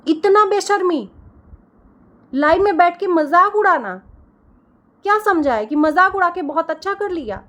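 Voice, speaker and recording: Woman, high pitch, reaction rant, scolding, indignant, repetitive emphasis. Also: expressive, a little slow, pauses often, fairly bright tone. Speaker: reaction video creator.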